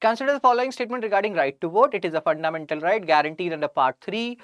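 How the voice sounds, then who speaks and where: A teacher with an Indian English accent delivers a chatty online exam-prep lecture, cracking sarcastic jokes and reading her students' names out from the chat. She talks very fast in a fairly low voice, with clean studio sound and no room echo.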